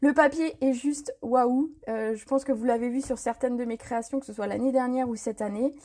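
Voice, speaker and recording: A woman's voice: on the high side, steady tone, brisk, dark tone. A woman hosting a live stream to sell craft products, talking casually with many hesitations and repeated words. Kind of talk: casual live sales chat.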